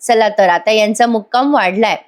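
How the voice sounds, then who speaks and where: A woman's voice: medium pitch, moderate pace. A woman recapping a TV serial episode in a chatty voice-over, addressing viewers directly. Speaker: TV serial reviewer.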